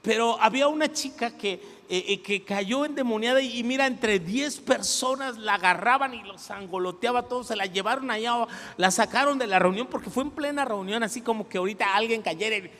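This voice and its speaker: A middle-aged man with a Mexican accent preaches in an animated way, acting out stories and leading call-and-response. His voice sits high for a man. A long reverb from the church hall trails behind him. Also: fairly quick, few pauses. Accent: Mexican Spanish. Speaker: pastor. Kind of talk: sermon. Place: church sanctuary.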